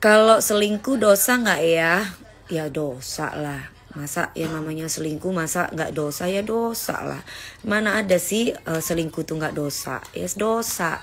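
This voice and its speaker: A woman's voice: low-pitched, animated, a little slow. Chatty woman on a phone livestream. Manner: chatty, calls viewers "say" and "guys", lecturing tone. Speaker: livestream host reading viewer comments. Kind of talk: casual livestream chat, teaching her son. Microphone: phone held for a livestream.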